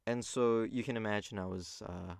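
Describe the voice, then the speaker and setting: Gravelly low-voiced man hosting a podcast. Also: fairly even intonation, moderate pace, dry recording, studio quality. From Japan. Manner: earnest, loose, with frequent fillers. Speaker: podcast host. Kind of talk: solo podcast monologue.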